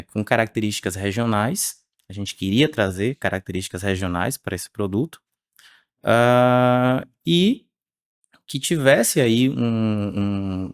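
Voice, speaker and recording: A man in his thirties talks as a guest on a podcast. His voice sits low, and he explains in a measured way, often ending phrases with tag questions. The recording is close and dry, with no room sound. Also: dry recording. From Salvador, Bahia, Brazil. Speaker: researcher guest. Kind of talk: podcast interview.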